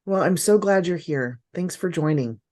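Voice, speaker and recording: Woman business coach in her fifties leading an online workshop, warm mellow tone, encouraging. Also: on the low side, expressive, moderate pace. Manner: upbeat, encouraging, frequent praise. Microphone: video call.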